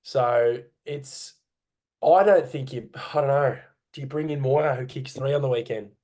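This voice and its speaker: A man's voice: medium pitch, a little slow, warm tone. Man, Australian accent, podcast co-host, casual chat, hesitant, self-correcting, home recording. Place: home room.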